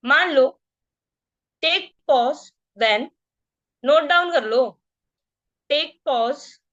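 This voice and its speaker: Over a muffled online meeting call, a network marketing trainer with a high, fairly bright voice and lively intonation speaks very slowly, deliberately swinging her tone up and down. She leads the training from home at night with neighbors nearby, casually calling her team "guys."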